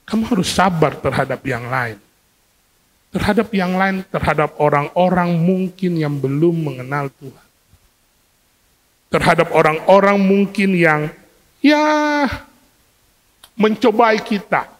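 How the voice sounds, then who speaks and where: A man preaching a sermon to a congregation, lively and questioning, acting out everyday scenes to make his point. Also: high voice, takes it slowly, pauses often. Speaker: pastor. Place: church hall. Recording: long hall reverb from a church.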